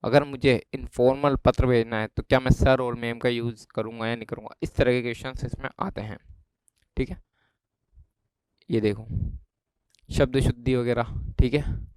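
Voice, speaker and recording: Man, Rajasthani Hindi accent, exam-prep teacher, casual explaining, keeps asking "clear?", resonant, dry recording. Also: mid-range voice, steady tone, normal speed, pauses often, a little mellow, no room sound. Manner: chatty, keeps checking with students. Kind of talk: informal exam lesson.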